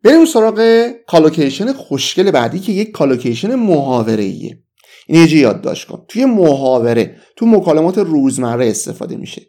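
A man with a Persian accent teaching English vocabulary in a casual, enthusiastic lesson, saying the English phrases slowly. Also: on the high side, very animated, dark tone.

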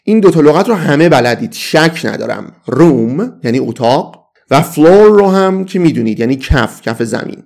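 A man teaching an English vocabulary lesson, slowly repeating each example sentence. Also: on the high side, big pitch swings, creaky, darkish tone. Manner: slow, deliberate repetition of example sentences.

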